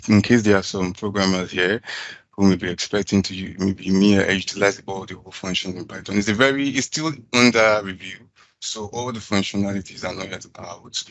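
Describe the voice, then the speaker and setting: A man's voice: sits low, highs cut off. A man presenting an online tutorial through a wired headset on a video call, with crackling, distorted mic audio and a hesitant delivery full of fillers. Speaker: guest presenter.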